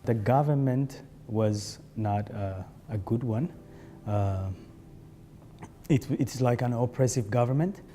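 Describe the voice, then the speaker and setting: A young man, telling his story as a resettled refugee in a documentary interview, speaking haltingly with frequent fillers. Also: medium pitch, dark tone, a little hiss or hum. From Eritrea, born in Ethiopia.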